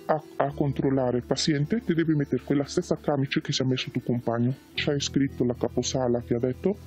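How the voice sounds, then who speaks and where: An anonymous care home worker speaks through an electronic voice distortion that hides who they are. The talk is blunt and insistent, with flat denials pressed home more than once, and faint music sits underneath. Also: mid-range voice, brisk, dull audio. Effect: voice electronically distorted to hide identity. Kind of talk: anonymous interview in a TV news report.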